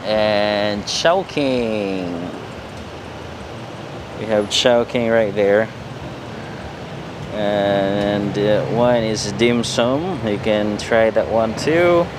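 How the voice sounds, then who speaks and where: A vlogger with a Filipino accent and a fairly low voice narrates a night walking tour along a busy city street. He talks haltingly with many fillers into a handheld camera mic as he walks. Loud traffic and street noise fill the recording.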